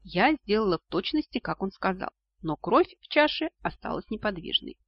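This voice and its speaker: A man narrating a novel with a lively, ironic storytelling manner, on a dull lo-fi recording. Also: sits high, moderate pace, dry recording. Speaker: audiobook narrator. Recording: dull lo-fi audio, dry.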